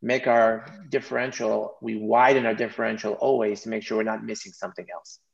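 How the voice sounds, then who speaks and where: A man with a gravelly voice talks through a clinical case in an online panel, repeating words as he works his thoughts out. His audio is lo-fi and dull, and his room is roomy and echoey. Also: lowish voice, little pitch movement, brisk. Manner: restarts often, thinks aloud. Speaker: emergency physician panelist.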